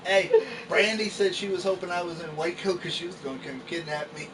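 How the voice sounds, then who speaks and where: A man's voice: high-pitched, fairly quick. A man hosting a casual gaming chat, joking and teasing his friends. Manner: joking, animated, swears freely. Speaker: host. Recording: distant mic with background noise.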